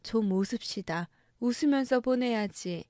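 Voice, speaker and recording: A weary, long-suffering wife pleads with her family in a fairly high voice in a story radio drama, as a woman acts her out. The recording is dry and close. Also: unhurried, mellow, no echo. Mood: coaxing.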